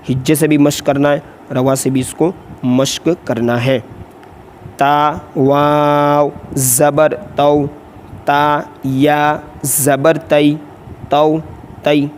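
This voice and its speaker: Man, Quran reading teacher, fairly high pitch, brisk explaining, slow chanted drills, faint vehicle noise. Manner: explains briskly, then chants letters slowly and louder. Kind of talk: tutorial lesson with slow drawn-out drill recitation.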